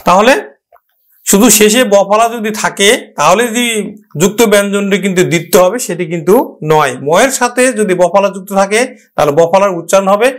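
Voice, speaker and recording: A man teaching a pronunciation lesson, asking himself questions and repeating each example word slowly and deliberately. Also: sits high. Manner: asks questions and answers them himself. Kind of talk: grammar lesson at a board.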